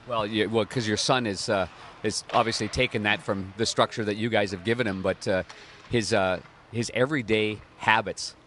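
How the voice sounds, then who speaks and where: A man interviewing a guest, asking his questions in a halting way with stumbling restarts. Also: fairly low pitch, steady tone, a bit bright, slight background noise. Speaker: interviewer, broadcaster.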